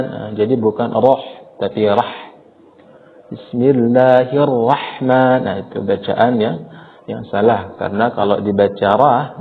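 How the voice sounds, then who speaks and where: Slow, low-voiced man teaching recitation. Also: in a large hall. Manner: patient, repeats and chants verses slowly as examples. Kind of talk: explaining and demonstrating recitation. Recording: tinny phone-like audio.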